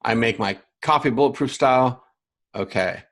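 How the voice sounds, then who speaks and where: A man's voice: mid-range voice, moderate pace, a bit bright. Emphatic male business coach. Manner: emphatic, repetitive, talks straight to viewers. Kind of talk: live online coaching lesson.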